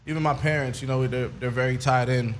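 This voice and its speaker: A man in his thirties from Queens talks as a guest in a casual interview, unhurried and reflective, pausing with fillers as he thinks. His voice sits at a middle pitch. A faint hiss of noise runs under the recording. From Queens, New York. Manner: relaxed, thoughtful, many fillers. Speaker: guest rapper.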